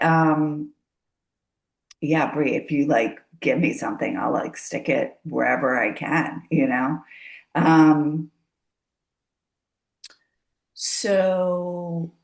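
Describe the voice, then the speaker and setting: A middle-aged woman sharing in a casual group check-in, soft and halting, sometimes dropping almost to a whisper. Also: very deep voice, vocal fry, roomy sound.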